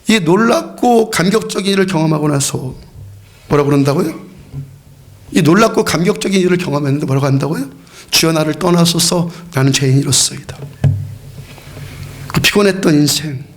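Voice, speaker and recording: A man preaching a sermon as pastor, leading the congregation in repeated responses and moving between hushed, whispered lines and loud, fervent preaching. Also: on the high side.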